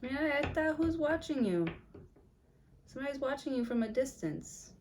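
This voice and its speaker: A woman's voice: high-pitched, big pitch swings, normal speed, a little mellow, a little hiss or hum. A woman giving a casual tarot reading, blunt and chatty with plenty of swearing, in a room with a window open. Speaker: tarot reader.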